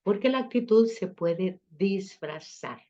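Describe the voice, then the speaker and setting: A woman's voice: medium pitch, expressive, slow pace, mellow, dull audio. A woman leading a church study session, explaining patiently with everyday examples and speaking directly to her listeners. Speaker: Bible class teacher.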